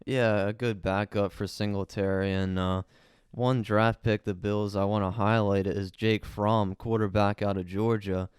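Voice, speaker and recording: Low, even-voiced man talking sports. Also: unhurried, clear, resonant tone, no room sound, studio quality. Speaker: podcast co-host. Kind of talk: casual sports chat.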